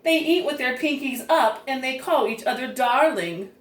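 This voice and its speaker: A high-voiced woman reads a picture book to young children at normal speed, her intonation lively and her enunciation careful and expressive. The mic is distant, so the room's echo comes through.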